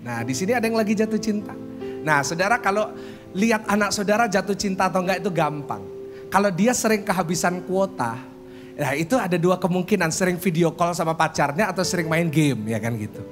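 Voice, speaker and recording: A man's voice: high voice, fairly quick. A male pastor preaching a humorous church sermon, telling jokey stories and acting out quotes. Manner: animated joking storytelling, acts out quotes. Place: church service. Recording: sermon with guitar music underneath. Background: guitar music.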